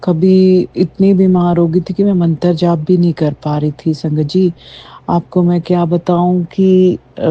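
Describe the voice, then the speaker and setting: A woman telling a personal devotional testimony, halting as she goes and often addressing her listeners directly. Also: sits low, warm tone, lo-fi sound. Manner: keeps addressing listeners as sangat ji, halting delivery.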